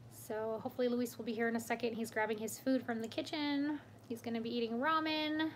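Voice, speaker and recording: A woman's voice: a little high, steady tone, a little fast, slight background noise. Chatty young woman hosting a livestream. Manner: chatty, laughs often, greets viewers by name. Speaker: vlog host. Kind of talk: casual livestream chat. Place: home room.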